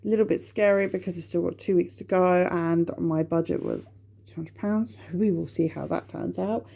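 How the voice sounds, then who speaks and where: A woman from the UK chats through her weekly spending in a casual budget vlog. Her voice is mellow and gravelly with a touch of fry. She works through the figures out loud and stops to correct her own sums. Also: fairly low pitch, steady tone, normal speed. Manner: chatty, talking through figures and correcting herself. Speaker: budgeting vlogger.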